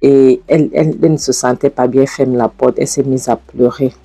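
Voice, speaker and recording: A woman's voice: rumbling low, fairly even intonation, brisk, mellow. A woman casually retelling a film scene by scene and adding her own chatty asides. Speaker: movie recap narrator. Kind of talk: casual storytelling recap of a film.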